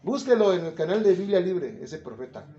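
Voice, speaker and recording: A man with a Mexican accent preaches in a high voice, chatting and joking with his listeners. His voice bounces around an echoey room. The sound is a little dull. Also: lively intonation, brisk, dark tone. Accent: Mexican Spanish. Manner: chatty, jokes, asks the listeners questions. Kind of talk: informal Bible teaching to a congregation.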